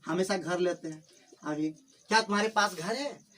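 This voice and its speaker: Slow, patient male English teacher. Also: high voice, fairly bright tone. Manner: slow, repetitive explaining, addresses students fondly. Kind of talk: spoken English lesson taught in Hindi. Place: classroom with students. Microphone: filmed on camera without a microphone.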